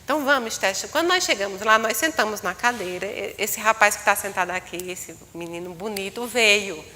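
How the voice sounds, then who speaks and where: A woman medium telling a story in a live talk, acting out the people in her story in a lively way. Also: medium pitch, moderate pace, slight background noise. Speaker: spiritual medium speaking live. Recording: long hall reverb.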